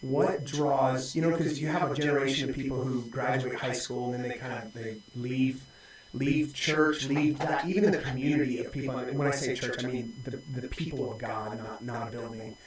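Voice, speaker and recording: A man's voice: medium pitch, fairly even intonation, normal speed. A man in his forties, a pastor, talking reflectively in casual conversation with many restarts. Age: 40s. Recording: very echoey room.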